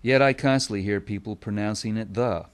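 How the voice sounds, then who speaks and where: A man's voice: on the low side, brisk, natural voice. A man voicing an earnest older man who compiles a dictionary, explaining his spelling rules.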